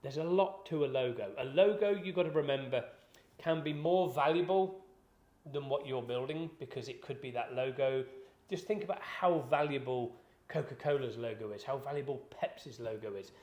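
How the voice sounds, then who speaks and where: A man's voice: medium pitch, normal speed, darkish tone, reverberant. A man hosting a business talk show, explaining ideas in casual chat and rambling with many fillers and restarts. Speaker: business podcast host.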